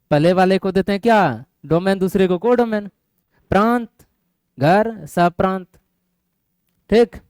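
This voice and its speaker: A man's voice: high voice, a little mellow, clear, resonant tone, no room sound, studio quality. A male math teacher lecturing a classroom of students, often quizzing them and asking if they follow. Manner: quizzes students, keeps asking "getting my point?".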